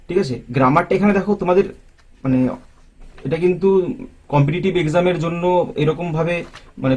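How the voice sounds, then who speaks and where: A man's voice: fairly high pitch, darkish tone. A man with a Bengali accent, chatty and informal, walking viewers through a grammar book and often checking in with them. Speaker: book reviewer and English teacher. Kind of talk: casual book review walkthrough.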